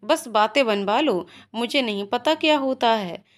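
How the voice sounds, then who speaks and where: A woman's voice: on the high side, lively intonation, a little slow. Woman reading as a huffy young wife. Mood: pouting. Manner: huffy, pouting. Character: sulky, bashful young wife.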